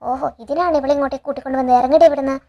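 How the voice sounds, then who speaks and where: A woman's voice: sits high, level tone, fast, a little mellow, dull audio. A woman reading a protective, blunt mother. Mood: angry.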